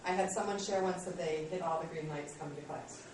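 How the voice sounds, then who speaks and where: A woman's voice: low-pitched, quick pace, noisy background. A woman in her late thirties teaching a class, friendly and self-deprecating, with many ums. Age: 30s. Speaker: college instructor. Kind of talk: classroom lecture. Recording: echoey classroom from far off.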